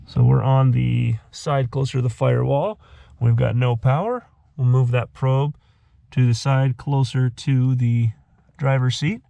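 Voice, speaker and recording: A medium-pitched man with a warm tone and some vocal fry hosts a DIY car electronics video. He narrates the hands-on tutorial step by step, thinking aloud as he works.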